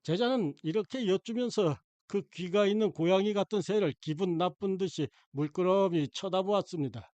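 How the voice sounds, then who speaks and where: A man narrating a short story for an audiobook in a calm, measured storytelling manner into a close mic. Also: sits high, no room sound, lo-fi sound.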